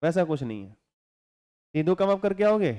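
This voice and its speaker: Relaxed bihari-accent teacher guy, unhurried, smooth clear voice, bit high pitched. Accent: Bihari Hindi. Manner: calm, unhurried, keeps asking students to answer. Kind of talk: classroom talk to students.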